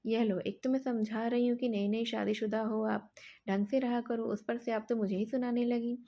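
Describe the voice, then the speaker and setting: A spoiled, fashion-obsessed young woman with a sharp, scornful tongue, put on by a woman reading an audio story. She speaks loud and whiny, and the voice sits somewhat high with a soft, mellow tone. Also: level tone, moderate pace, natural voice. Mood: mocking.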